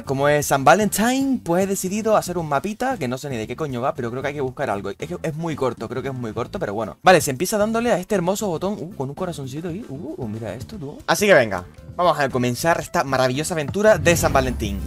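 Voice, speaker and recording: A young man, giving casual, swear-heavy commentary over his gameplay with loud, baffled outbursts. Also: fairly high pitch, sing-song, quick pace, few pauses, soft background music. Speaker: gaming youtuber.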